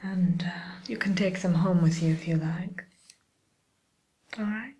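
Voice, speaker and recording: Slow whispering wicked witch, played by a woman. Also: lowish voice, fairly even intonation, warm tone, slight background noise, natural voice. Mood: politely welcoming. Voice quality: breathy whisper, mostly unvoiced. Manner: slow, polite, hesitant, coaxing tag questions. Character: sly, genteel, spiteful wicked witch tutoring a pupil. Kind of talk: whispered ASMR roleplay.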